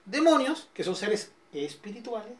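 A man's voice: high voice, very animated, moderate pace, fairly bright tone. A middle-aged man with a Chilean accent, a pastor teaching an interactive Bible study who keeps checking in with his listeners. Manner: questioning, checks in with listeners often.

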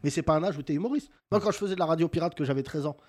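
A man's voice: a little high, very fast. A man in his thirties bantering casually as a comedian and podcast host, brash, teasing and mock-boastful. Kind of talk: comic banter in casual chat.

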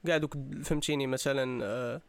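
A man's voice: medium pitch, fairly even intonation, quick pace, smooth. A young man with a Moroccan accent talks casually as a podcast co-host, sprinkling French and English words through his speech. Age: young adult. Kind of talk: casual chat.

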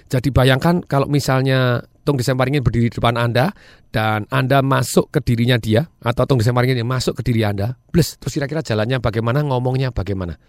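Fast-talking energetic male trainer. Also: medium pitch, dry recording, clean studio sound. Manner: energetic, laughing, mixes in English. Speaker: sales trainer guest. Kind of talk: enthusiastic talk-show chat.

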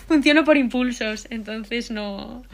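Young woman, slightly high-pitched, chatty, relaxed interviewer. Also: vocal fry. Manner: chatty, relaxed, reading out fan questions. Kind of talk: casual conversation.

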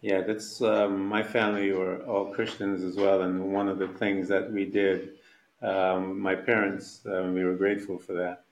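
A man's voice: low voice, monotone, unhurried. A man from Guyana hosting a podcast interview, speaking in an encouraging, motivational way. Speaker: podcast host.

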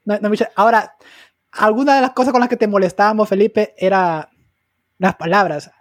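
A man's voice: high voice, steady tone, fairly quick, dry recording, studio quality. A man hosting a casual chat, asking questions with lots of fillers.

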